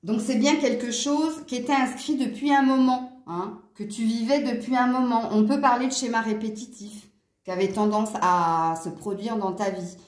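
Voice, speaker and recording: A woman's voice: a little high, fairly even intonation, moderate pace. Give me a rambling woman with a southern French accent reading tarot cards in a roomy, echoing space. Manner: chatty and rambling, with frequent fillers and asides. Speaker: tarot card reader. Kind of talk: casual tarot reading addressed to viewers.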